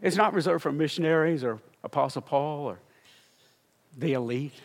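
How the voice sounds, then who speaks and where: A man's voice: on the high side, normal speed. An older man, a missionary preacher, telling a story in a sermon and building to fervent exclamations.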